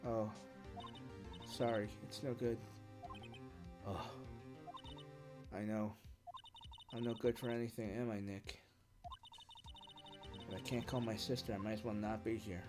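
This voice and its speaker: A man's voice: on the low side, flat delivery, a little slow, long pauses, natural voice. A man voicing a self-pitying young woman spirit medium, over game music. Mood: dejected.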